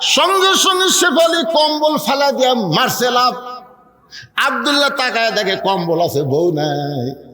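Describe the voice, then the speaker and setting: A male preacher tells a sermon story with lively, acted-out voices. His voice is high and bright, and it rings with the long reverb of a large venue. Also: unhurried. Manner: animated, acting out characters.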